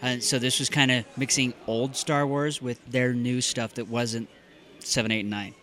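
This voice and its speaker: A man on a podcast panel chatting casually about a video game, getting more animated as he gets excited. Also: mid-range voice, normal speed. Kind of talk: casual review chat.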